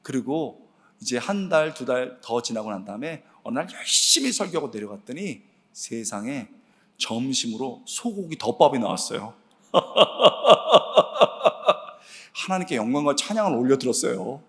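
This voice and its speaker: A middle-aged man preaching a sermon in a church sanctuary, telling a personal story in an animated, exclamatory way and often addressing the congregation directly. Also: mid-range voice, moderate pace. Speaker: guest preacher and preaching professor. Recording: long church-hall reverb.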